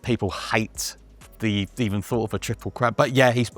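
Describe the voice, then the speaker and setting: A man's voice: lowish voice, fairly even intonation, moderate pace. A man talking darts as a guest pundit in a casual panel discussion, chatty and emphatic, often restarting his sentences.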